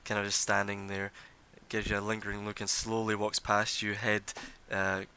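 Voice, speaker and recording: Male game master, lowish voice, sharp bright tone, rambling delivery. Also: monotone, moderate pace, slight background noise. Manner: loose, rambling, full of fillers and restarts. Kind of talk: narrating a tabletop game.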